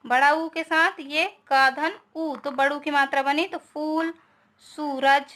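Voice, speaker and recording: A woman's voice: high-pitched, fairly even intonation, slow, a bit bright. A young woman teaching a grammar lesson, explaining step by step and often checking with her students.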